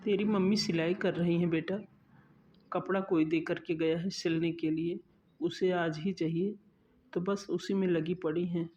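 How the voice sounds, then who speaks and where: A man voicing a tired, loving older farmer father in a cartoon story, speaking calmly and explaining. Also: fairly high pitch, measured pace, slight background noise, natural voice. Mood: caring. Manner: calm, explaining. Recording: muffled lo-fi sound.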